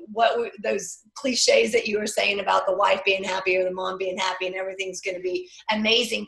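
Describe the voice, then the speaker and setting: A woman's voice: a little high, gravelly, pushed and bright. A woman hosting a casual podcast conversation, speaking emphatically and with passion. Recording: echoey room.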